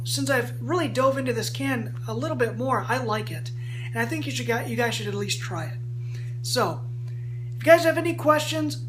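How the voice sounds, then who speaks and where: A woman with a fairly high voice reviews a product in a casual, conversational style. She talks with a pouch tucked under her upper lip, addressing viewers directly.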